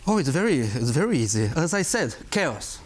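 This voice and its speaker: A man's voice: fairly high pitch, very animated, normal speed, a little hiss or hum. Emphatic male guest. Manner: emphatic, pointed, rhetorical questions. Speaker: guest, former diplomat. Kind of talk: interview answers.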